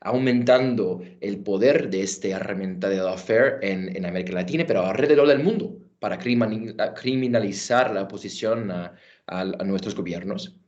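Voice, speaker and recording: A man in his thirties with an American accent, a native English speaker giving a panel talk in halting Spanish, searching for words and mixing in English terms. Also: fairly low pitch, darkish tone. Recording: dull, lo-fi audio.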